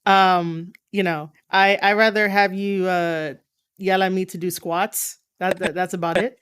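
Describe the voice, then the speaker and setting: A woman's voice: fairly low pitch, little pitch movement, unhurried, fairly bright tone, clean tone. A woman hosting a wrestling interview in casual, fan-like chat, rambling informally with frequent asides.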